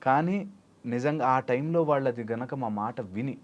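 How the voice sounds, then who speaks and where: A man's voice: medium pitch, normal speed, muffled recording. A man speaking as a life coach in an interview, explaining through everyday examples and mixing in English phrases. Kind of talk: interview answers.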